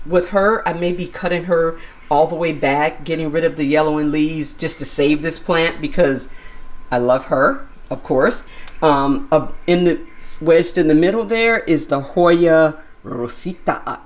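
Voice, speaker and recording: A woman vlogger giving a chatty, enthusiastic tour of her plant collection while filming handheld. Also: deep voice. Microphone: handheld camera moved while filming.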